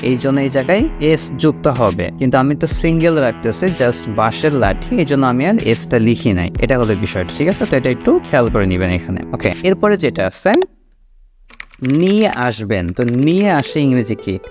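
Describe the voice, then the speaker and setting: A man teaching English, patiently explaining and repeating words slowly for pronunciation. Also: medium pitch, big pitch swings. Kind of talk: spoken language lesson. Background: background music.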